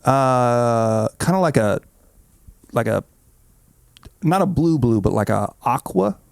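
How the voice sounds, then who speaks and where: Relaxed male podcast co-host, mid pitch, dry close mic, easygoing. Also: takes it slowly, creaky, clear, resonant tone, no echo. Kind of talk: casual chat.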